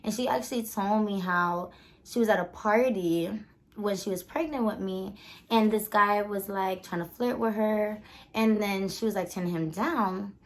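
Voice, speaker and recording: A woman's voice: medium pitch, normal speed. A 21-year-old woman from the Bronx, chatting casually through a Q and A, rambling with lots of fillers. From the Bronx, New York. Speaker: vlogger. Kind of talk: casual Q and A chat.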